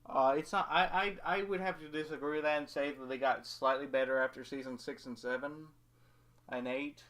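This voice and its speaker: A young man hosting a podcast, chatting casually in a rambling, animated way with many restarts. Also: a little high, brisk. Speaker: podcast host. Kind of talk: casual chat.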